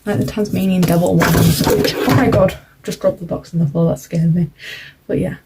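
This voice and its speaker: A woman's voice: fairly low pitch, steady tone, moderate pace, heavy background noise. A young woman chatting casually while crafting for a vlog, rambling with lots of fillers. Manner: rambling, self-interrupting, uses "like" and "um" a lot. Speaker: craft vlogger.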